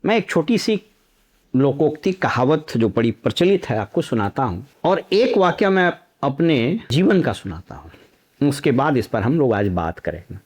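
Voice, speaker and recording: A man's voice: mid-range voice, sing-song, a little mellow, slightly rough. A middle-aged man from Bihar, a former civil servant giving storytelling commentary full of proverbs and anecdotes. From Nalanda district, Bihar. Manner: anecdotal, uses proverbs, measured.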